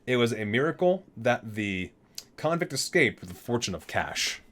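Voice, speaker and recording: A man with a medium-pitched, highly animated voice reads aloud at a moderate pace, like a video creator presenting a book. He gives titles and names theatrical weight, then drops into casual, conversational asides of his own.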